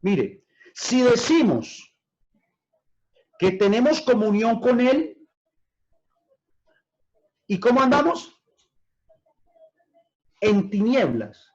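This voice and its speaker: A man with a notably high voice teaches scripture as a pastor, calling his listeners brothers and putting questions to them. He drags out key words slowly to press a point. The recording sounds dull and lo-fi. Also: very animated. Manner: addresses listeners directly as brothers, asks questions.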